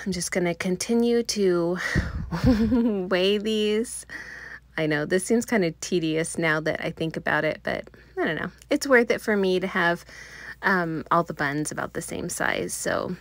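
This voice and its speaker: A woman's voice: lowish voice, a little slow, no room sound. Chatty woman baking in her home kitchen. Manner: chatty, rambling, with fillers and little laughs. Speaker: home cooking vlogger. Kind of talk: casual chatty baking tutorial.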